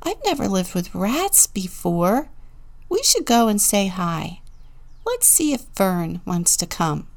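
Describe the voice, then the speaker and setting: A woman voicing a calm, sensible big-sister bunny in a storybook, with a thoughtful, friendly manner. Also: medium pitch, takes it slowly, vocal fry, heavily acted. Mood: curious.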